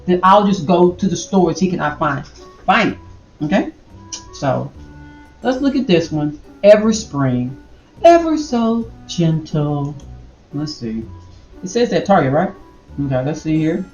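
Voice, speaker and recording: A middle-aged woman, chatting casually to her viewers as she browses and reacts out loud. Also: low-pitched, normal speed, long pauses, lo-fi sound. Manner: animated, exclaims and talks to viewers as y'all. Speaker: vlogger. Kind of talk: casual vlog commentary while browsing online. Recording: echoey room with faint music.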